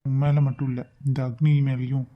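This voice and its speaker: A man's voice: medium pitch, flat delivery, brisk, lo-fi sound, loud music behind the voice, natural voice. A man voicing an earnest, protective young man in love in a cartoon, talking in an emphatic, coaxing way. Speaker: voice actor. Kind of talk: cartoon voice acting.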